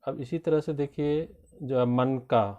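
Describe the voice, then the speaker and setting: A man teaching a grammar lesson to children, explaining slowly and drawing out his example words. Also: mid-range voice, fairly even intonation, narrow, tinny audio. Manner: slow, deliberate explanation with drawn-out example words. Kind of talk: classroom lesson addressed to children.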